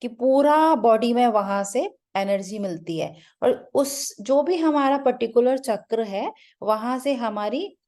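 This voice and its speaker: Mellow-voiced woman teaching meditation. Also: fairly high pitch. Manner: loose, searching, with frequent restarts and fillers; mixes English words into the talk. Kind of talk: spiritual talk.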